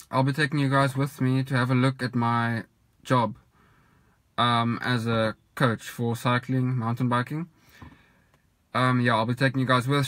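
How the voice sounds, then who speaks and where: A man's voice: medium pitch, dry recording. A young man, a cycling coach, talking casually to a phone camera while sitting in his parked car, rambling with lots of ums. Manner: relaxed, rambling with many ums. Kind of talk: casual vlog talk. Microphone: phone camera at arm's length.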